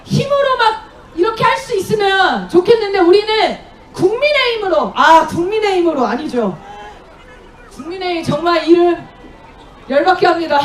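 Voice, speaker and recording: A woman's voice: extremely high pitch, animated, moderate pace, distant mic. A woman emceeing an outdoor street protest, rousing the crowd with rhetorical questions and leading chants through a handheld mic. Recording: echoey outdoor rally with crowd noise.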